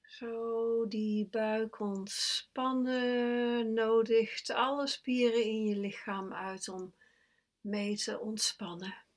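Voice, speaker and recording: A woman guiding a breathing meditation, with slow, soft, calm instructions that at times sink to a whisper. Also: on the high side. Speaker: meditation guide.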